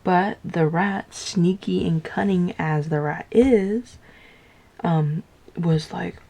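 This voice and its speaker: A young woman casually retelling a story while building Legos, rambling with lots of filler words and high, playful voices for the characters. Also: takes it slowly, vocal fry, dark tone. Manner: rambling, filler-heavy, with "like" everywhere. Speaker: vlogger.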